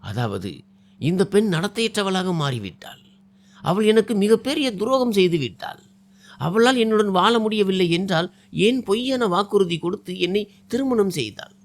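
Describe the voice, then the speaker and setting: A man narrating a dramatic first-person story, swinging between hushed and loud in an emotive way. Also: sits high, animated, moderate pace.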